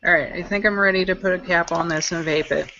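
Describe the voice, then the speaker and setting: A woman's voice: on the low side, fairly even intonation, fast talker, sharp tone, slight background noise. Upbeat chatty woman on a lo-fi call. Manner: chatty, upbeat, explains as she works. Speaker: guest e-juice maker demonstrating coil builds. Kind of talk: casual live-stream chat.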